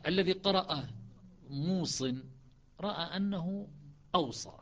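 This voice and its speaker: A man teaches a classroom lesson on Quran recitations, explaining step by step, repeating words, and checking that his students are following. His voice sits high and a bit bright, and he speaks unhurriedly.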